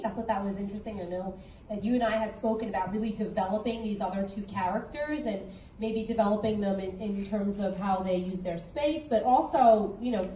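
A woman dance instructor giving a measured, encouraging critique with some fillers. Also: mid-range voice, dark tone, a little hiss or hum. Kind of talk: spoken critique. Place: dance studio or theater. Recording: roomy echo, distant mic.

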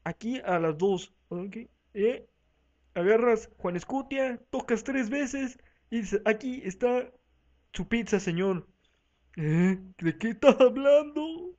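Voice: medium pitch, lively intonation, takes it slowly, a little mellow, muffled recording. A speaker with a Mexican accent doing a rowdy, profane comic parody dub of a talk show, voicing every part and switching between voices. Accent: Mexican Spanish.

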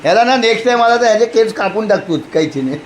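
Talking very fast in a high, animated voice, a man with a Marathi-speaking Mumbai accent narrates a handheld family weekend vlog. He chats, teases and laughs often as he moves through villa rooms packed with relatives, and the crowded room makes the recording noisy.

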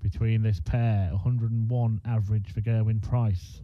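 A man giving measured, analytical darts commentary in short phrases. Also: on the low side, level tone. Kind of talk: sports commentary. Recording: dull, noisy commentary feed.

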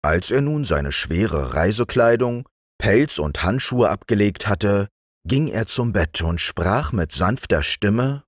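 A man reading a fairy tale aloud in a calm bedtime manner, slow and expressive, into a close microphone. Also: on the low side, no room sound. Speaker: audiobook reader.

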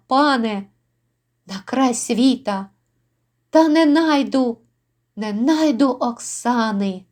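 A woman's voice: on the high side, darkish tone. Woman reading as an anguished young Cossack. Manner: impassioned, pleading. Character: grief-stricken young male Cossack rebel.

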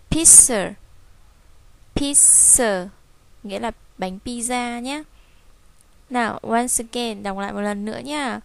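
A woman with a Vietnamese accent teaching English to young children, repeating each word slowly and clearly. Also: on the high side, no room sound. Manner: drills English words slowly, repeating each one several times. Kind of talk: slow, clear classroom teaching.

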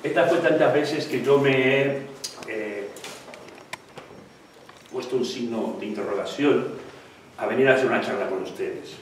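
A man's voice: mid-range voice, a little slow, pauses often. A man giving a live lecture on singing, explaining patiently and repeating syllables to demonstrate. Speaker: guest lecturer on singing technique. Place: lecture hall. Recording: echoey hall, distant mic, faint noise.

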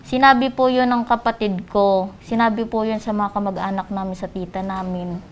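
A woman's voice: medium pitch, fairly even intonation, normal speed, a little hiss or hum. A young woman answers an interviewer's questions about her sibling politely and hesitantly. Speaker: complainant's sister.

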